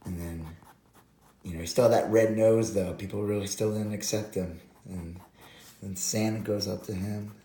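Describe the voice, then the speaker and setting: A hoarse man casually commenting while he draws, rambling with many fillers and restarts. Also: lowish voice, steady tone, moderate pace, mellow, reverberant. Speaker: host.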